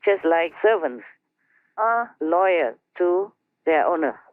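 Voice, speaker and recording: A woman slowly telling a story to her team over a conference line, chatty and laughing between phrases. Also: lowish voice, lively intonation. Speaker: spiritual teacher telling a story. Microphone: phone or conference line. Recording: tinny dry phone line.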